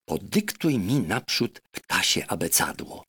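A man voicing a gentle, curious middle-aged doctor with a mild, earnest manner, in a storybook reading. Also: deep voice, sing-song, measured pace, husky, no room sound, studio quality, heavily acted.

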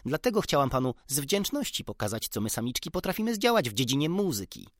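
Sharp-tongued canary hen, as a male reader puts her on, brisk, indignant, lively rising voice, dry studio. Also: mid-range voice, no echo, voice pushed up. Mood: earnest. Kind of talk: audiobook character reading.

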